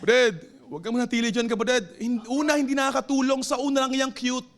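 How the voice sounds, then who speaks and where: A man with a Filipino accent preaching a sermon in a church, swinging between shouted exhortation and low, quiet storytelling. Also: steady tone, quick pace. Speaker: pastor. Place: church sanctuary.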